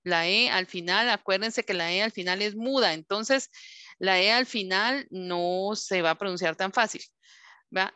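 A woman leads an English lesson. She talks slowly and patiently, repeating each word and checking that the class follows. Her voice is bright and clear, recorded dry and close. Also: medium pitch, no room sound. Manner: slow, patient drilling of words, checking in with ¿sí?. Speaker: English teacher.

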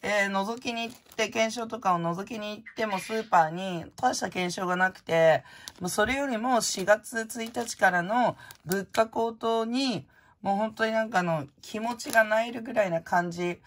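A woman's voice: mid-range voice, a bit bright, slight background noise. A woman vlogger chatting casually and frankly as she opens prizes, rambling from topic to topic. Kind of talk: casual chat while opening prizes.

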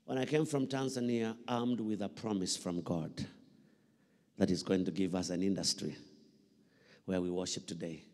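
This middle-aged Kenyan man speaks with a low, slightly mellow voice at normal speed, leaving long pauses. He is a pastor preaching with a handheld mic, emphatic and repetitive, drawing the congregation in with questions to answer. The setting is a big indoor church hall, heard through its echoing PA.

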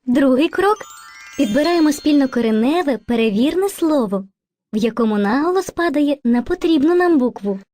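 A woman's voice: sits high, expressive, normal speed, dry recording. Woman voicing Movka, a patient teacher spirit. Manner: patient, gently instructive, addresses children fondly. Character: kind female teacher spirit Movka, personified language. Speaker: teacher and narrator. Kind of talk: educational cartoon narration and dialogue.

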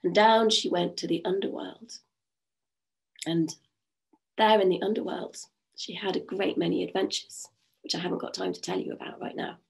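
A woman storyteller with a croaky voice, telling a folk tale in a rhythmic, repetitive and soothing way at an online event. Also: fairly low pitch, steady tone, moderate pace.

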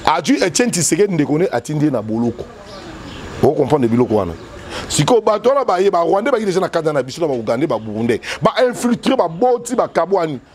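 Speaking fast with big pitch swings, a middle-aged man with a Congolese accent talks politics in an animated interview; his voice is a little high with a darkish tone. The former soldier and politician gestures emphatically and switches between French and Lingala. He's indoors by a yellow wall, using a furry handheld mic held close.

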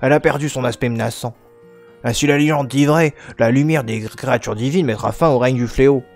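A man's voice: mid-range voice, brisk, a little mellow, soft background music, lightly acted. Man putting on a very old, solemn village chief. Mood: solemn, relieved. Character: very old male bird-man village chief, grave and grateful. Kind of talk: reading game dialogue in character.

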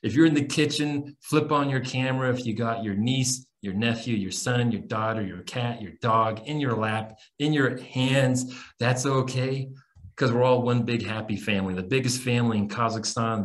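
A man's voice: mid-range voice, moderate pace. A man in his thirties with an American accent, casually hosting an online teacher webinar in an informal, encouraging way over a video call. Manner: informal, addresses listeners as guys. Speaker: webinar host and English teacher trainer. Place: small room on a video call.

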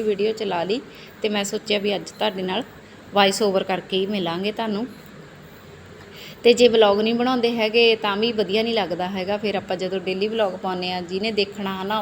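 A woman's voice: medium pitch, slight background noise. A woman in her thirties, a family vlogger and mother, chatting through a casual voice-over and often tagging her sentences with little questions. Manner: chatty, often adds "hai na" tag questions.

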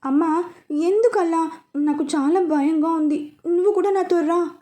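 Tiny scared girl voice, woman doing it, high and teary, bit distant. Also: measured pace, mellow. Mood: frightened. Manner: tearful, pleading.

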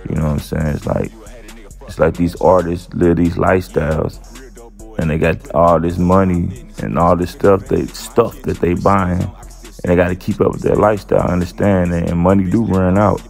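A relaxed channel host reads a news story aloud and remarks on it with his personal views. His delivery is a slow drawl full of fillers, and his low voice has a rough edge. Music plays faintly beneath him.

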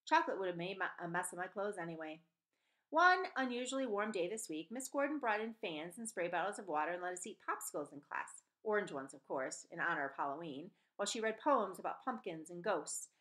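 A woman in her forties with a fairly low, fairly quick voice reads a novel aloud into a computer webcam mic at desk distance. She's animated and expressive, now and then stumbling and correcting herself, in a small room at home.

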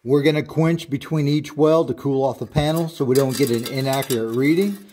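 A man in his thirties giving a step-by-step welding tutorial in a home auto shop, speaking in a slow, deliberate, instructive way. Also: mid-range voice, a little mellow, a little hiss or hum.

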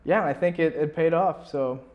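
Speaking briskly and at a fairly high pitch, this young man is a musician being interviewed, and the audio sounds dull. His talk is loose, slangy and rambling, full of "like." A lapel mic captures him in a small, furnished room indoors.

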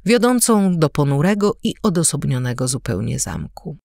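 Expressive woman reading an audiobook. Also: deep voice, normal speed, creaky, no echo, studio quality. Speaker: audiobook narrator. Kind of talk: audiobook narration.

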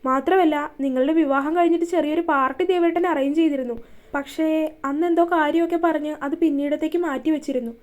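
Woman, story narrator, high pitch, romance reading, dialogue in her own voice. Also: steady tone, fast. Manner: reads all characters' dialogue in her own voice.

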